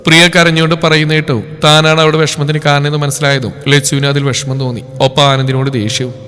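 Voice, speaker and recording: Brisk male storyteller, echoey room. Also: fairly high pitch, flat delivery, sharp tone, soft background music. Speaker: narrator. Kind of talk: reading a serialized novel.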